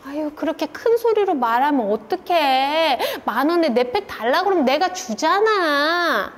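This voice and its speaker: A chatty middle-aged woman who runs a rice-cake shop, as a female speaker plays her, talking in a brisk, familiar way. Her voice sits high and swings widely in pitch. It rings with the long reverb of a lecture hall. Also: lively intonation. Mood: scolding.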